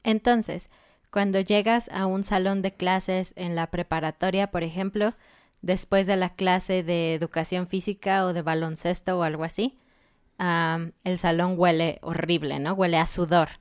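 A woman's voice: fairly low pitch, fairly even intonation, a little slow, smooth. A woman with a Mexican accent who patiently explains slang in a casual lesson and laughs easily. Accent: Mexican Spanish. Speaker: Spanish teacher.

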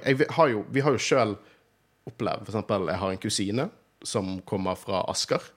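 A man with a Bergen accent, hosting a podcast in casual chat, talkative and laughing often. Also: on the low side. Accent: Bergen Norwegian. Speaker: podcast host.

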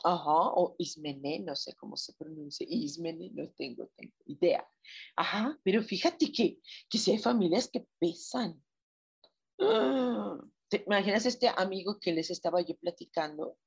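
A woman with a Mexican accent, a spiritual guide answering listener messages in a live reflective chat, asking gentle questions with frequent exclamations. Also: fairly low pitch, expressive, unhurried, creaky, breathy edge. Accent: Mexican Spanish.

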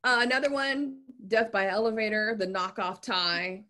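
A woman's voice: mid-range voice, normal speed, sharp tone. A woman chatting casually about a TV series, blunt and profane, laughing often.

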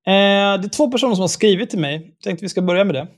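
A man's voice: high-pitched, soft background music. Profane, ranting male podcast host. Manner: profane, furious ranting with scornful laughs. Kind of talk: reading and mocking listener emails.

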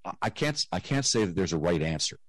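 A man giving measured, explanatory answers as an interview guest, heard through low-quality video call audio. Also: big pitch swings, a bit bright, no room sound. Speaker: interview guest, nonprofit director.

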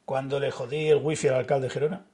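A man's voice: mid-range voice, fast talker. A man, co-hosting a podcast and telling stories animatedly, acting out the dialogue. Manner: animated storyteller who acts out dialogue. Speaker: podcast co-host. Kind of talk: casual storytelling chat.

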